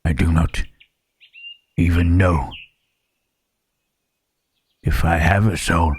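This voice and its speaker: A man voicing a gentle, melancholy monster in an ASMR roleplay, speaking haltingly and pensively in formal phrases with questioning hums. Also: steady tone, heavily acted. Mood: sorrowful, doubting. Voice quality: low, husky. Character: gentle, melancholy Frankenstein's monster, male, pondering his soul.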